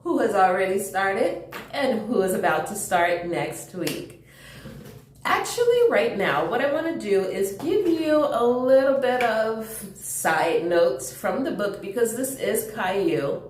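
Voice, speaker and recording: A woman hosts a children's storytime, reading aloud and chatting enthusiastically with young listeners, full of questions and chatty asides. Her medium-pitched voice is very animated and a little slow. The roomy, echoing recording carries a little hiss or hum.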